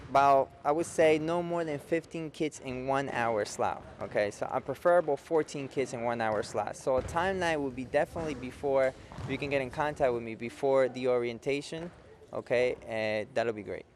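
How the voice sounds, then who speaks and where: A man's voice: mid-range voice, normal speed, a little hiss or hum. A man in his forties from Peru, a youth futsal coach in a local cable TV interview, who explains simply and keeps checking in with "okay?". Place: indoor futsal facility.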